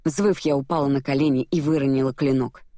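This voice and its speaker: Female audiobook narrator, low pitch, steady, dry studio sound. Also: a little fast, no room sound. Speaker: audiobook reader. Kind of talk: scripted first-person narration.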